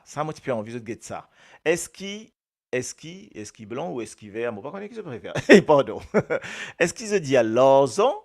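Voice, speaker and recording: A man with a Mauritian accent, hosting a casual radio talk about Creole words; he hesitates with many filler sounds, laughs often and speaks to listeners by name. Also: on the low side. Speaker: radio host.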